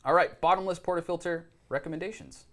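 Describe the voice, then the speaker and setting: A young man co-hosting a coffee gear show, explaining equipment in a relaxed, casual way with frequent ums and uhs. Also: on the high side, fast talker. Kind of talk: casual product chat.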